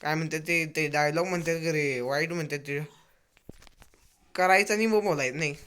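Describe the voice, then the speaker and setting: A man giving excitable, cursing commentary on his own mobile shooter gameplay, telling viewers to keep watching. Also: fairly high pitch, moderate pace, clean tone. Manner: excitable, cursing trash talk. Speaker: mobile game streamer.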